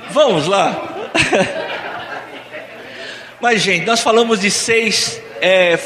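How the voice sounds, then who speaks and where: A man preaching to a congregation, joking and quizzing the audience. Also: sits high. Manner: playful, asks the audience questions. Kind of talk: sermon with audience exercise. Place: church hall. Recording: church hall with reverb and audience.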